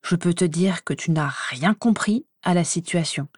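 A woman's voice: fairly low pitch, moderate pace, breathy edge, no echo, clean studio sound. A woman voicing a sullen, aggressive teenage boy wizard who answers curtly. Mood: hostile. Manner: curt and hostile.

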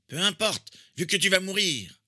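A man voicing a cold, arrogant dark lord in a fan fiction reading, sneering and drawing out his words. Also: sits high, big pitch swings, moderate pace, pitched above the performer's own voice, exaggerated voice.

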